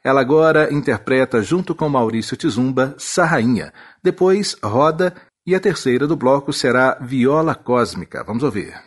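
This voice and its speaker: A male radio host briskly introducing the next songs. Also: mid-range voice, husky. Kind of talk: radio announcing.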